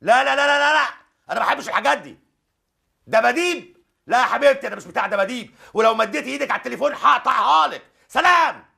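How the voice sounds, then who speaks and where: An actor playing a father who lectures his son on romance, with an Egyptian Arabic accent and a gravelly, teasing manner. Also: extremely high pitch, lively intonation, rapid-fire, sharp tone, heavily acted. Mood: bossy. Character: older father, smug romantic advisor, scolding. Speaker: father giving advice. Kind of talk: Egyptian film comedy. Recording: film soundtrack with music.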